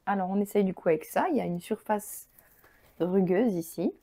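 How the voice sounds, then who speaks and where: Woman host, casual unboxing chat, mellow tone, eager and rambling. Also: medium pitch, moderate pace. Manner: chatty, enthusiastic, thinks aloud with many fillers. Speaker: crafting channel host.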